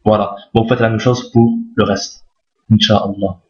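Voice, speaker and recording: A man's voice: fairly low pitch, little pitch movement, moderate pace. A man teaching a recorded lesson in a patient, repetitive way, often checking that his listeners follow. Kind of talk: recorded Arabic alphabet lesson. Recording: roomy, dull lo-fi sound.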